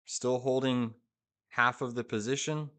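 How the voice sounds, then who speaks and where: A man's voice: mid-range voice, steady tone, a little slow, fairly bright tone. A man hosting a live trading stream, giving urgent, hyped commentary to viewers in short repeated phrases. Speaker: live-streaming day trader, host.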